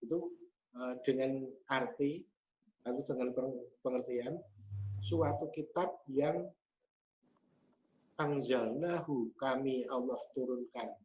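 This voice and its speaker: A man, teaching Arabic grammar patiently and methodically, pausing often on hesitation sounds. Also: mid-range voice, mellow. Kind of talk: explaining grammar in a class. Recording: slightly muffled with faint hum.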